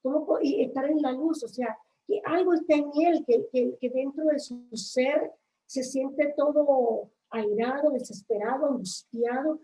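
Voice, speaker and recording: A woman's voice: high-pitched, measured pace, warm tone, roomy sound, far from the mic, poor audio. A woman from a church ministry, reflecting on faith in a casual chat and checking for agreement with tag questions.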